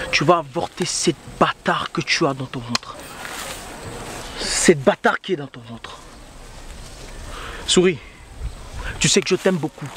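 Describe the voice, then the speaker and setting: A man's voice: fairly high pitch, slight background noise. Brief: jealous young boyfriend, Congolese French accent, commanding and pleading in a raised voice, played by a man. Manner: commanding, then pleading and shouting. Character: jealous young man confronting his pregnant girlfriend.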